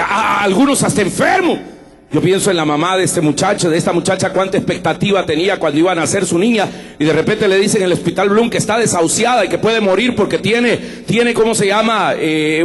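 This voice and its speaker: A male pastor preaching a sermon, swinging from soft passages to shouted ones and repeating phrases for emphasis. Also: sits high, big-room sound.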